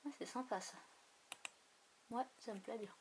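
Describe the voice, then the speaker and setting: A woman hosting a craft tutorial, thinking aloud in an unhurried way with many fillers as she works on a computer. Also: fairly high pitch, gravelly, background noise. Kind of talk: casual screen tutorial narration. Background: mouse clicks.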